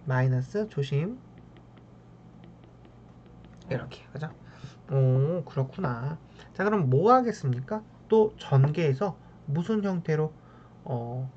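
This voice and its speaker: Woman math teacher, low voice, keeps checking in with students, dull lo-fi recording with faint ambient noise. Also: warm tone. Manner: keeps checking in with a tag question after each step; talks to the math terms as if addressing them. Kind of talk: lecture working through problems.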